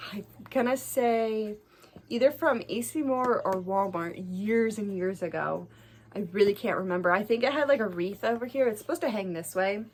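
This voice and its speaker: A young woman, her nose stuffed up from allergies, chats casually to the camera while showing off her cross-stitch designs, with plenty of ums and little laughs. Her voice is medium-pitched and darkish, and the recording has a slight hiss or hum.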